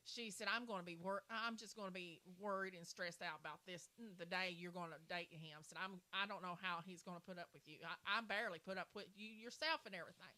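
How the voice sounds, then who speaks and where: A woman with a low-side voice that is bright and forceful talks quickly with few pauses. On a livestream she tells a long, rambling personal story, repeatedly circling back with "so anyway" and tacking on "and everything".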